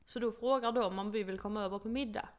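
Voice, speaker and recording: A young woman from Sweden in her twenties, telling a story in casual chat and acting out what people said. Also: medium pitch. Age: 20s. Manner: animated storytelling, acting out quotes, laughs often. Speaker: podcast co-host telling an au pair story.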